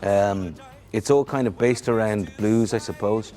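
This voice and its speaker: Low-voiced Irish man with a Dublin accent. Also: measured pace, faint music behind. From Ireland. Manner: relaxed, rambling, easygoing. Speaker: musician guest. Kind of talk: casual interview answers.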